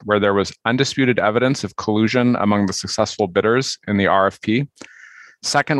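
A man speaking as an attorney in formal oral argument, measured and structured. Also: lowish voice, dry recording. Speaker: appellant's attorney.

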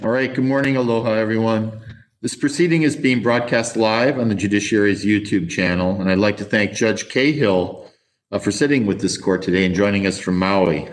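Male presiding judge, fairly low voice, formal procedural delivery. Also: moderate pace. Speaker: presiding chief justice. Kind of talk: formal courtroom procedural remarks.

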